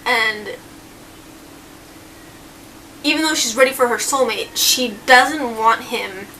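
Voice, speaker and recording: Slow, bright-voiced young woman vlogger. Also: fairly high pitch, recorded from a distance, a little hiss or hum, rough recording. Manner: unhurried, chatty, eating while talking. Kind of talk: casual storytelling vlog.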